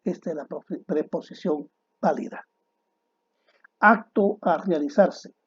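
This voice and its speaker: A man teaching a grammar lesson to students, deliberate and didactic, posing rhetorical questions and then answering them. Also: on the high side, husky, highs cut off.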